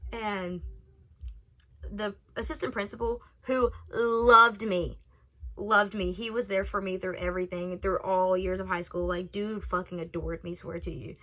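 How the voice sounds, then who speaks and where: Young woman, vlogger, casual storytime, swears freely, lively and candid delivery. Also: lowish voice, moderate pace. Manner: candid, profane, animated storytelling. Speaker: vlogger telling a personal story.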